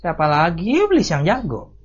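A man teaching a religious study lecture. He reads classical Arabic text, then explains it in lively casual talk with rhetorical questions. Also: fairly high pitch, moderate pace, husky. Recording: dull lo-fi audio recording.

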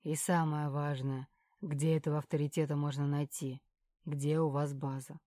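A woman voicing a calm, menacing male security man who interrogates a captive in an audiobook, measured and cold. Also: deep voice, no echo, pitched below the performer's own voice, natural voice.

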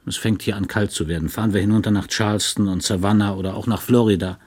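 An earnest middle-aged husband pleads softly and haltingly in a low voice, as a man reads him in an audiobook. He sounds devoted and sincere. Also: steady tone, husky. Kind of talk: audiobook reading.

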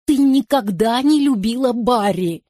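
A woman's voice: moderate pace, mellow, no room sound, clean studio sound, close to an everyday voice. Woman doing a sobbing melodramatic young woman. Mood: tearful. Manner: tearful, reproachful, high-pitched.

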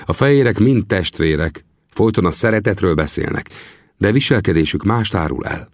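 A man's voice: sits low, animated, no room sound, clean studio sound, voice pushed up. A man voicing a proud, earnest young male Apache chief in an audiobook, speaking solemnly and with reproach. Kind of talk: audiobook character voice.

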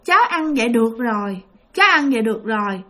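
A woman's voice: fairly high pitch, animated, quick pace, sharp tone. Woman putting on a whiny, tearful child ghost. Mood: whiny childlike. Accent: Southern Vietnamese. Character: lonely hungry child ghost from a lake.

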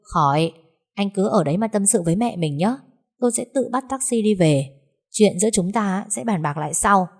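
A woman voicing a defiant young daughter-in-law who speaks fast and cuttingly in a narrated story. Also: mid-range voice, animated, a little mellow. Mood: curt.

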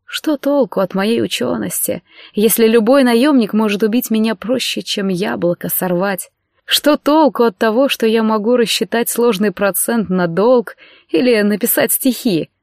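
A woman's voice: medium pitch, creaky, darkish tone, no room sound. A despairing young nobleman, as a woman reads him, pleading in a shaky, tearful voice and flaring into bitter outbursts. The recording is dry and close, with no room around the voice. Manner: pleading, tearful, bursts into outcries. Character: young nobleman, anxious, bitter, self-pitying.

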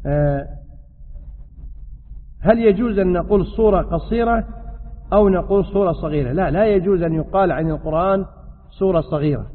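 Quick high-voiced sheikh in a hall. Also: male voice. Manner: quick, explanatory, answers questions. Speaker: sheikh teaching fiqh. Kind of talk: religious lesson with questions. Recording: tinny, echoey hall sound.

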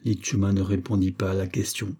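A man reading a novel aloud as an audiobook narrator, in a measured, even scripted narration. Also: sits low, slightly rough.

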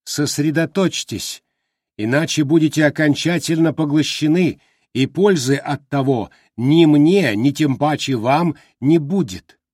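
Man doing the booming Glimmung creature. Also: darkish tone, no echo, studio quality. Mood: commanding. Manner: slow, booming, insistent. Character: vast ancient sea creature, commanding and deliberate.

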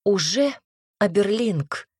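A woman's voice: medium pitch, animated, normal speed, a little mellow, breathy edge, dry recording. Woman voicing a caustic young noblewoman. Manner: dry, caustic retorts. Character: sharp-tongued young noblewoman mage, proud.

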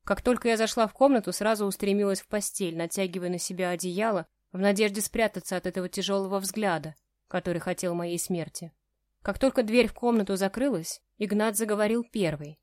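A woman narrates a first-person romance novel with emotive storytelling. Her voice is mid-pitched and sits dry and close to the mic. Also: brisk, a little mellow, no room sound. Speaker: audiobook narrator.

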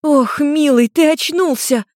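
A woman voicing an impulsive, affectionate young woman in a storybook reading, excitable and sulky. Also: sits high, brisk, dry recording, clean studio sound, voice pushed up, lightly acted. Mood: cheerful.

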